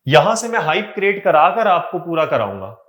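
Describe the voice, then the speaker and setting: A man's voice: fairly high pitch, sing-song, a little fast, fairly bright tone. A man teaching an online exam-prep lesson in a mix of Hindi and English, with an Indian accent, explaining step by step and asking and answering his own questions.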